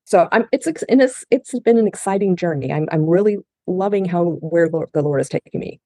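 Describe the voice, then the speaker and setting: A guest on a podcast interview, a middle-aged woman raised in Japan tells her life story in her second language, English, earnestly and heartfeltly with many restarts. Her fairly low, mellow voice is expressive and a little fast, captured in clean studio sound with no echo.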